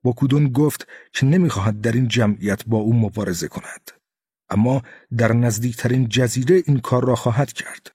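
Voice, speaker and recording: A male storyteller giving a scripted narration of a story in a steady, even reading. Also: mid-range voice, breathy edge, no room sound, studio quality.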